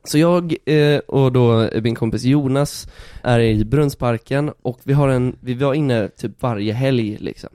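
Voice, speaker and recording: Animated Swedish-speaking storyteller man. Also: mid-range voice, hardly any pauses, dry recording, studio quality. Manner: animated, acts out quotes, swears casually. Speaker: guest telling stories. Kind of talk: casual podcast storytelling.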